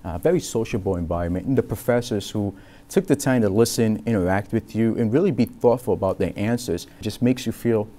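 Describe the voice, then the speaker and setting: A man's voice: fairly low pitch, fairly quick, mellow. A man student speaking reflectively about his college experience in an interview. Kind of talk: interview testimonial.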